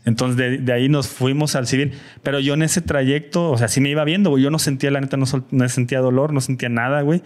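A man's voice: medium pitch, fairly even intonation, fast talker, hardly any pauses, darkish tone. Slangy Mexican man telling a story. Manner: slangy, swears often, acts out quoted voices. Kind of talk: casual storytelling among friends.

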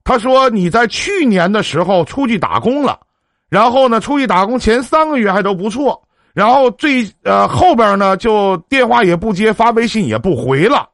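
Brash Northeastern man, high and lively. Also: normal speed, no echo, studio quality. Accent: Northeastern Mandarin. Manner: brash, joking, swears, chummy big-brother banter. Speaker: live-stream relationship advice host. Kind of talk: casual phone counseling chat on a live stream.

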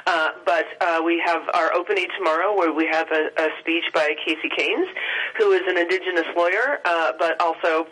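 A woman talking over the phone as an event organizer, pausing often with filler sounds. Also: fairly low pitch, fairly bright tone, poor audio. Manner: hesitant, many filler sounds. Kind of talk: phone-in interview.

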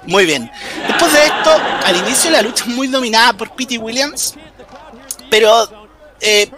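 A man's voice: very high voice, lively intonation, normal speed, a loud crowd, heavy background noise. A man with a Chilean accent doing casual wrestling commentary in a slangy, jokey, enthusiastic fan's way. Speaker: wrestling commentator, podcast host.

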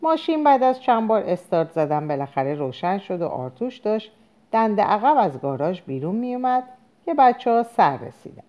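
A woman narrating a novel aloud in an expressive storytelling manner. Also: medium pitch. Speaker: audiobook narrator. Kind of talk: scripted narration.

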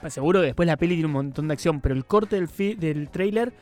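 A man's voice: on the high side, fast talker, a little mellow. A young man with an Argentine accent from Córdoba, co-hosting a radio show and giving blunt, teasing opinions on films. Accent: Argentine Spanish (Córdoba). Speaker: radio co-host. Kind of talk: casual film chat.

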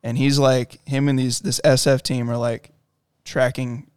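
Guy, casual co-host, smooth dry voice, rambling storyteller. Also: mid-range voice, little pitch movement, measured pace, dry recording. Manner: rambling storyteller with many fillers. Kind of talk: casual chat.

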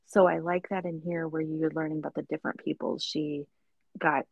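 A woman's voice: low voice, little pitch movement, fairly quick, vocal fry, no echo, phone-quality sound. A woman from Indiana with a Midwestern accent and a nasal voice, chatting casually as a podcast co-host. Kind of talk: casual chat.

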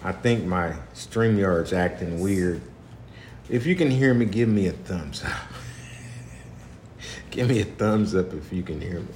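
A man with a lowish voice leads a home Bible study livestream. He reads scripture in a slow, deliberate way with emphasis. The room sounds echoey, with faint noise behind him. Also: animated, a little mellow. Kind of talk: casual livestream chat and scripture reading.

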